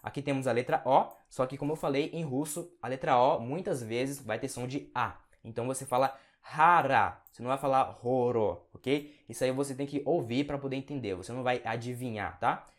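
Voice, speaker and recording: A man gives a relaxed online language lesson at a mid-range pitch. He breaks words into syllables and repeats them slowly. He keeps checking in with short questions like "ok?". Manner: slows down and drills pronunciation, checking in with "né?" and "ok?". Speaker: language teacher.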